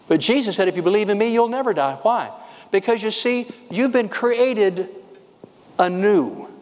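An older man, a pastor, preaching a sermon with fast, excited emphasis. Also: high-pitched, long reverb tail.

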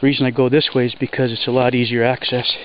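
A man's voice: medium pitch, flat delivery. Plain-spoken man on a creek hike. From Alaska. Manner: plain-spoken, breathy from hiking over rough ground. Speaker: homesteader vlogger. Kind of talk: casual walking narration. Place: outdoors in woods by a creek. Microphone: body-worn action camera. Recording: dull lo-fi camera audio, loud creek noise. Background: rushing creek water.

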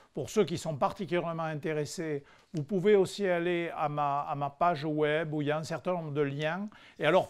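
Brief: French man, public science lecturer, mid-high voice, hesitant and chatty, wry humor. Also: darkish tone. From France. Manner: conversational, hesitant with frequent fillers; dry humorous asides to the audience. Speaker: physicist giving a public lecture. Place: lecture hall before a live audience.

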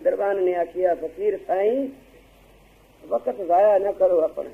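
High-voiced preacher, tinny sound. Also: male voice, measured pace, creaky. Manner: preaching, acts out voices of story characters. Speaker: Sikh preacher. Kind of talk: storytelling religious discourse. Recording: tinny phone-like lo-fi recording.

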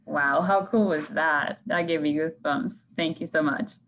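Woman, low-ish voice, upbeat scripted speech, faint site noise behind. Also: normal speed, a bit bright, poor audio. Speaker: board member presenting. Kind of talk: prepared event speech. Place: construction site. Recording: faint construction background noise.

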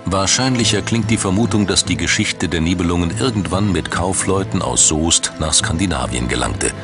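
A deep-voiced man narrates a documentary over background music, telling the story in a measured, dramatic way.

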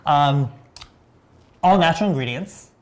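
A man's voice: a little high, animated, measured pace. A man in his thirties, a makeup artist hosting a beauty livestream, chatting and teasing casually in a studio. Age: 30s. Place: bright studio set.

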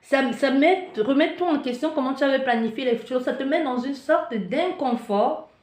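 A woman's voice: high voice, moderate pace. A woman giving spiritual guidance from a card reading, talking with animation and often restarting or searching for words. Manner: animated, acts out the listener's panic in asides. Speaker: tarot card reader. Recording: echoey room.

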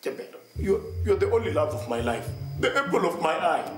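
A smooth-talking Kenyan boyfriend, evasive and easily flustered. His high voice swoops around in an echoey sitcom room. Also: big pitch swings, a little fast. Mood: flustered pleading. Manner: flustered, hesitant, often adds "eh". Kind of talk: TV sitcom acting. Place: living room indoors. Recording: echoey room, faint music.

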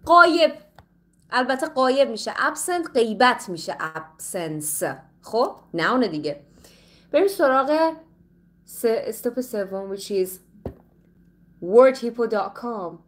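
A Persian-speaking woman teaching English in a playful, lively way, slowing down carefully whenever she speaks English. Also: a little high. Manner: switches between Persian and slow, carefully spoken English. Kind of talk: live online English lesson.

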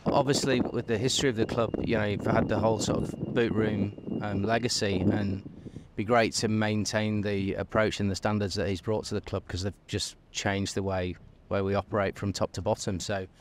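A man in his forties answering in a street interview in a measured, hesitant way with pauses. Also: on the low side, flat delivery, noisy background. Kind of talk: street vox pop interview. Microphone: handheld interviewer's microphone.

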